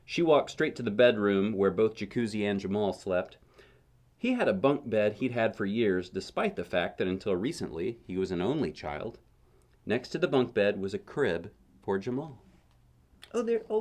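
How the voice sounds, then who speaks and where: With a lowish, darkish voice and big swings in pitch, a man reads a kids' picture book aloud at normal speed. He does it like a parent, conversationally, with relaxed side comments and questions to the listener.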